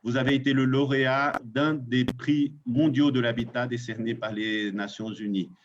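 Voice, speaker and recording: Male webinar moderator, formal and measured, mid-pitched, on muffled online audio with faint noise. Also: steady tone. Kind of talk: formal introduction of panelists.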